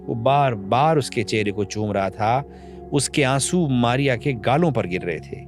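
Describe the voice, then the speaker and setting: A man's voice: mid-range voice, animated. A man narrating a tragic story in a solemn, emotional storytelling manner. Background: faint background music.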